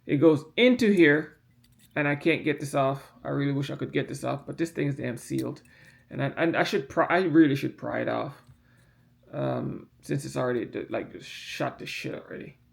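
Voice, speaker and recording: A mid-range, creaky male voice speaks at normal speed. The man, a hobbyist explaining printer repair, handles a part during a casual hands-on demonstration, rambling, repeating himself, and hammering home key points while yawning from medication.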